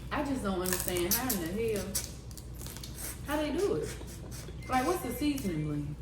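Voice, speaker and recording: A woman's voice: medium pitch, big pitch swings, moderate pace. American woman, roomy casual eating chat. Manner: slangy, agreeing with frequent mm-hmms. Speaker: mukbang vlogger. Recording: roomy, distant mic, clear background noise.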